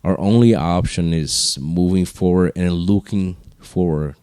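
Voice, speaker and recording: A man hosting a podcast solo, speaking slowly in a low, hushed register with casual, rambling, earnest encouragement. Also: fairly even intonation, clear, resonant tone, no echo, clean studio sound. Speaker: podcast host.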